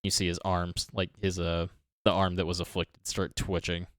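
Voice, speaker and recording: A man with a deep, low voice narrates a tabletop game as its dungeon master. He describes each scene in a loose, rambling way, full of fillers. The recording is close and dry. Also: level tone, normal speed, a bit bright, dry recording.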